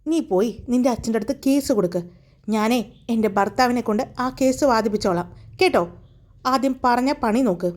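A woman's voice: on the high side, fairly quick, a little mellow, close to an everyday voice. A woman voicing a caring middle-aged mother who teases her daughter playfully in a storybook tale. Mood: teasing. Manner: fond, scolding playfully.

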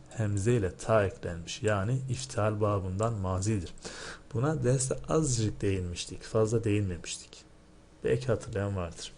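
Low-voiced male teacher explaining patiently. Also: darkish tone, a little hiss or hum. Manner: explanatory, asks rhetorical questions and often checks with "değil mi?"; recites word forms in a drilled, chanting rhythm. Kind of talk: recorded lesson going over exam answers.

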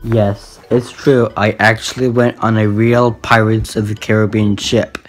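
Slow, halting teenage boy vlogging. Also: fairly low pitch, level tone, soft background music. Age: teens. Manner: halting, repetitive. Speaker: video host. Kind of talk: casual excited vlog storytelling. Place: small room indoors. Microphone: phone at arm's length.

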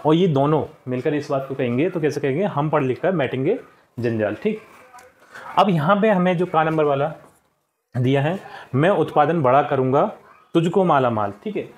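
Patient male teacher, higher voice. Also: animated, normal speed. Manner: patient, repeats answers, frequent "theek hai". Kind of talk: explaining a textbook lesson.

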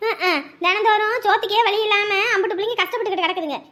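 Brief: woman as a high, sharp-voiced, fast-nagging mother-in-law. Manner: shrill, nagging. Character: loud scolding older mother-in-law.

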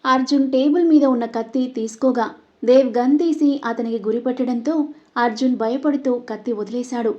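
Woman storyteller, high but mellow voice, dull lo-fi recording. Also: brisk. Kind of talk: scripted story narration.

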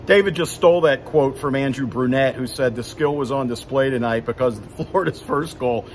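Beside the rink in an indoor hockey arena, a man in his fifties rambles through a casual postgame recap, full of fillers and restarts. His medium-pitched voice moves briskly, captured by a phone camera held at arm's length with a little hiss or hum.

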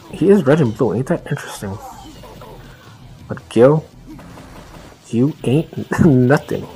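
A man's voice: medium pitch, poor audio. A man casually commentating his own fighting-game play, rambling and trash-talking in slangy, rowdy banter.

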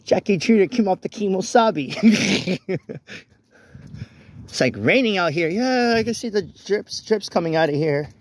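Out walking on a rainy night, a young vlogger talks into his handheld phone camera for a casual walk-and-talk, rambling with many restarts and self-corrections. His voice is high-pitched with lively intonation and an unhurried pace.

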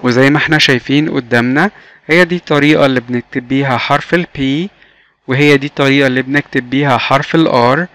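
A man's voice: mid-range voice, fairly bright tone, dry recording. Egyptian guy teaching little kids english, says each word 3 times, dry close mic. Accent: Egyptian Arabic. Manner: drills words slowly, repeating each one three times. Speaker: English teacher for young children. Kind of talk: slow classroom lesson.

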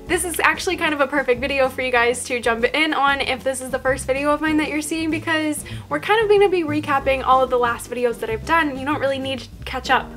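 Bubbly high-voiced young woman vlogging. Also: fast, few pauses, a bit bright, soft background music. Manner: bubbly, giggly, enthusiastic. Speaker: YouTube vlogger. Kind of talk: casual chatty vlog to camera.

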